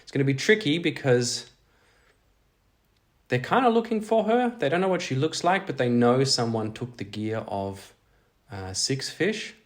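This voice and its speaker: Speaking a little slowly in a sing-song, medium-pitched voice, this host of a solo role-playing audio show mixes storytelling with offhand commentary on the game. He thinks out loud as he plays and tosses in self-deprecating remarks.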